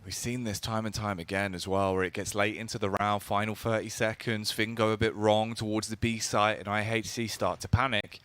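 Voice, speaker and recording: A man commentating live esports as a caster, moving between measured analysis and excited play-by-play calls. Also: fairly low pitch, smooth.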